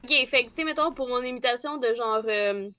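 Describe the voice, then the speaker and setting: A Quebec French woman comedian with a bright, sharp tone. She teases in a deadpan way, and the sound is close and dry. Her pitch runs a touch high. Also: brisk, no room sound. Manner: teasing, deadpan prompting. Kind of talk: comedic improv chat.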